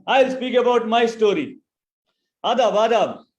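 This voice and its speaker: Brief: man playing an eager, insistent Afghan stranger, very high voice, roomy sound. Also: animated, unhurried, highs cut off. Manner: insistent, short simple sentences. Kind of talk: drama-in-education role-play.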